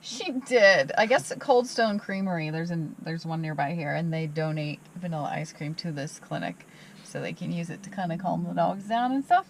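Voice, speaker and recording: A woman chatting casually on her van life vlog, upbeat and quick to laugh, recorded outdoors at a campsite. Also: lowish voice, slight background noise, rough recording.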